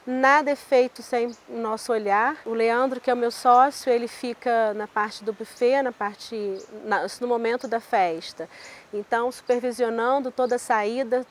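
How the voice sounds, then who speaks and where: A woman in her thirties with a Rio de Janeiro accent, answering interview questions as a business owner in a relaxed way, often adding tag questions. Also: fairly high pitch. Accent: Brazilian Portuguese, Rio de Janeiro state. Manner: warm, conversational, frequent tag questions. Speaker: buffet owner. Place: outdoor terrace seating area. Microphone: lapel mic.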